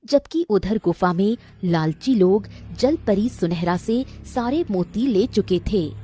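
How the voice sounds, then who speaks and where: Woman narrator, moral cartoon story, animated, mellow tone. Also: medium pitch, slow pace, faint music behind. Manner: expressive, dramatic storytelling.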